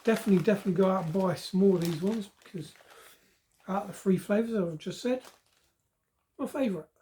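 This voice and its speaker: A woman's voice: medium pitch, fast, warm tone, a little hiss or hum. A woman giving a casual, chatty food review, repeating words for emphasis. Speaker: snack reviewer.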